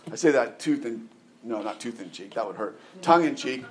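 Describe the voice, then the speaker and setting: A man's voice: mid-range voice, lively intonation, brisk, slight background noise. A man in his forties preaching a conversational sermon, rambling with lots of restarts and tag questions. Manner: rambling, many restarts and "right?" tags. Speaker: pastor.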